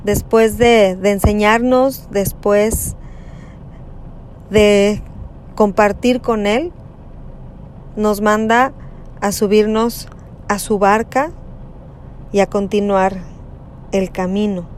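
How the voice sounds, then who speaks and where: Slow-spoken woman preaching. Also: mid-range voice, fairly even intonation, a little mellow, slight background noise. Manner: slow, conversational, frequent tag questions. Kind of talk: Gospel reflection.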